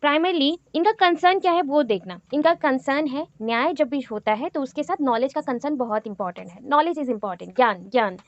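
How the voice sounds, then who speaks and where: A woman's voice: high-pitched, lively intonation, moderate pace, few pauses, no room sound. A woman teaching an online class, explaining in mixed Hindi and English, repeating key terms and checking in with her students. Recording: dull lo-fi audio.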